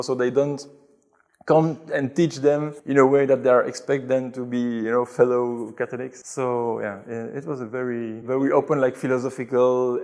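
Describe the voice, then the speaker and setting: Gravelly-voiced man. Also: medium pitch, a little mellow. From Belgium. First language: French. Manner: thoughtful, hesitant with many restarts. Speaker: interview guest. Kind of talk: conversational interview answers.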